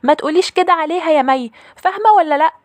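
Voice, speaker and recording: A woman's voice: mid-range voice, quick pace, no room sound, pitched above the performer's own voice, close to an everyday voice. A woman voicing a clingy, defiant little girl with an Egyptian accent. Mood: shrill accusing.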